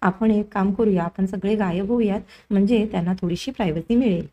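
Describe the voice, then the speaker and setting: A caring older woman fusses affectionately over her family, read by a woman narrator. The voice is warm and mellow, in a TV recap. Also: mid-range voice, brisk, dull audio, natural voice. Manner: affectionate, fussing. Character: caring older mother-in-law figure.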